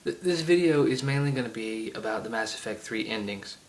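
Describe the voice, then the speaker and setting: This gaming vlogger's fairly low voice has lively intonation and a slightly fast pace, and his heavy Southern accent colors a rambling, casual game rant full of ums and asides. He's recorded on an iPod camera.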